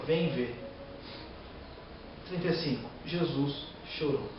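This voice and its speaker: A man's voice: sits high, heavy reverb, far from the mic, dull audio, slight background noise. A man preaching a sermon with a Brazilian Portuguese accent, reading scripture aloud and breaking into emotional, rising outbursts.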